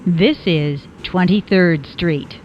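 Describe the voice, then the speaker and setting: A woman's voice: lowish voice, slow pace. A woman reading scripted automated subway stop announcements in clipped, pieced-together phrases. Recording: dull, lo-fi announcement audio.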